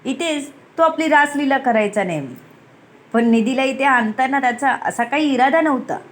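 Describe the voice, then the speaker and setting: A woman's voice: high voice, lively intonation, moderate pace. A woman reading a romance story aloud, acting out the characters' dialogue. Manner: acts out the dialogue, switching voices between characters.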